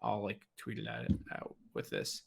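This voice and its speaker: A man's voice: fairly low pitch, little pitch movement, measured pace, creaky, slightly rough. A man co-hosting a gaming podcast in casual chat, rambling with lots of "like" and "you know". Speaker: podcast co-host.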